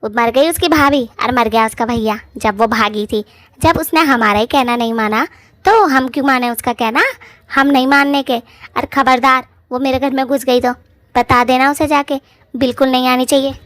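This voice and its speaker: A woman playing a harsh, shouting sister-in-law. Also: high-pitched, lively intonation, moderate pace, no room sound. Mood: angry. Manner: shouting, threatening, contemptuous.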